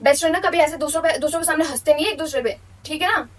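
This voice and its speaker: Young female vlogger, quick and high-pitched, blunt and slangy storytime rant. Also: recorded from a distance. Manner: blunt, slangy, mixes English into speech. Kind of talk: venting storytime monologue.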